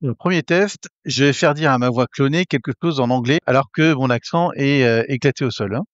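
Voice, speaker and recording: A man hosting a casual tutorial, hesitant with many fillers and restarts, getting excited as he talks. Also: mid-range voice, brisk, no echo, highs cut off. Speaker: tech tutorial host. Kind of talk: casual screen-recorded tutorial.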